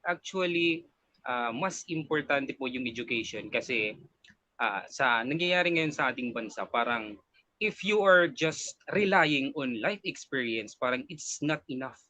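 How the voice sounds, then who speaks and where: Bright polite man answering. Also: mid-range voice, lively intonation, normal speed, no echo. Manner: polite, earnest, uses po. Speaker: pageant candidate. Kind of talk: interview answers.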